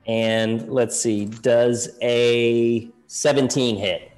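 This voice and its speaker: A man's voice: medium pitch, steady tone, extremely slow, darkish tone, faint music behind. A man running a tabletop game as game master, narrating in a loose, hedging way and laughing often.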